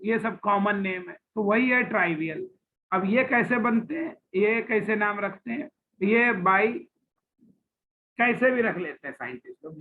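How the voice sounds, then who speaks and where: High-voiced guy teaching chemistry, asks the class questions, tinny lo-fi sound with a bit of background hum. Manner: explains with homely examples and asks the class questions; addresses students as "beta ji". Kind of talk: classroom lecture. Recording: tinny phone-like recording with faint ambience.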